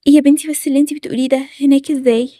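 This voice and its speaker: A woman with an Egyptian accent voicing a worried middle-aged mother who tries to calm her daughter. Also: high voice, very fast, no echo, studio quality, close to an everyday voice. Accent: Egyptian Arabic.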